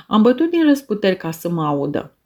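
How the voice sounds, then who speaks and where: Courteous, stiff young gentleman, read by a woman narrator. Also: mid-range voice, sing-song. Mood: formal. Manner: courteous, formal. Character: polite young gentleman visitor, formal.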